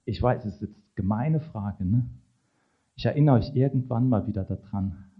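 A man preaching a sermon in a conversational way, often checking in with the congregation with quick tag questions. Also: on the low side, highs cut off.

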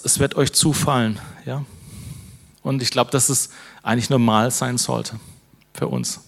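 A man's voice: medium pitch, creaky, fairly bright tone. A man preaching an informal sermon, conversational, with many fillers and tag questions. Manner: closes with a prayer.

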